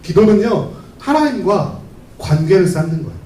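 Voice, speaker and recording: A man preaches to a youth group in a high, animated voice, asking many rhetorical questions. He speaks conversationally and tells stories as he goes. The church hall is roomy, and the mic is some distance from him. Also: normal speed, a little hiss or hum. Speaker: pastor. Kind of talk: youth sermon with storytelling.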